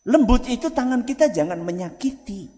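A man with a Javanese accent, an ustaz giving an animated religious talk to parents, often asking the audience rhetorical questions. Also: very high voice, moderate pace. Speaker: ustaz, Islamic preacher. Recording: reverberant hall.

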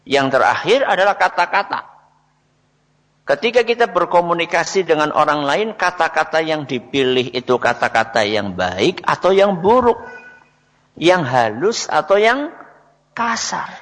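A man's voice: a little high, expressive, measured pace, fairly bright tone, in a large hall. A man giving a religious talk on parenting to an audience, asking questions and answering them himself. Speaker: religious speaker.

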